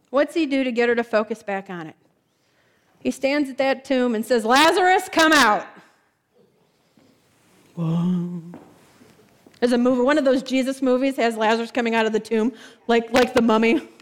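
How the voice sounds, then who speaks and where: A woman preaches with a high, bright-pitched voice. She tells the story conversationally, drops asides to the congregation and acts out the lines of the people in it. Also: brisk. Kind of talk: sermon.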